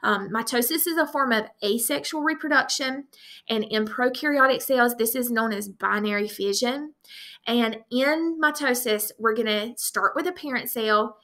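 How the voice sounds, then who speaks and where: A woman's voice: a little high, moderate pace, fairly bright tone. A woman teaching science, explaining a review lesson to her students in an upbeat, direct way.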